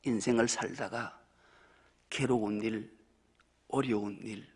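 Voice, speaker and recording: A male pastor preaching a sermon, swinging between loud exclamations and hushed whispers. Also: fairly low pitch, steady tone, slow, slightly rough. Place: church sanctuary. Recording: church hall with long reverb.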